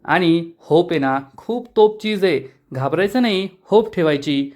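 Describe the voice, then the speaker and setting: An easygoing young hero cracks jokes and reassures his friend, voiced by a male narrator. He sounds relaxed and light throughout. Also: high voice, unhurried. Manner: jokey, reassuring.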